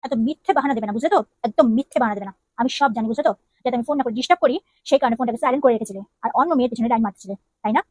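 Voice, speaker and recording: A woman's voice: a little high, a little mellow, no echo, natural voice. A woman acting a jealous, nagging young wife in a comedy skit, firing off scolding questions. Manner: scolding, interrogating with rapid questions.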